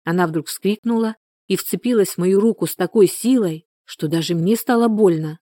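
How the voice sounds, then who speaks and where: A woman narrating a first-person audiobook in a measured, steady storytelling manner. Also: medium pitch, no room sound.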